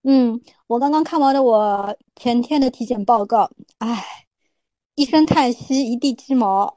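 A woman offers new year greetings and wishes in a relaxed conversational style. Her voice is very high, and it is recorded close and dry. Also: a little slow, no room sound, poor audio. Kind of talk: casual group chat.

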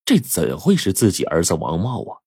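A man telling a folk tale, with animated, dramatic narration. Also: deep voice, brisk, husky, no room sound, studio quality. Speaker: storyteller. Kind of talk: oral storytelling.

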